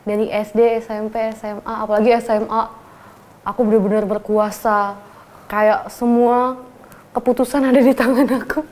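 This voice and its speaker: A woman's voice: a little high, moderate pace. A young woman, telling a story casually and acting out quotes with lots of energy and laughter. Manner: animated, acts out quotes loudly, laughs often.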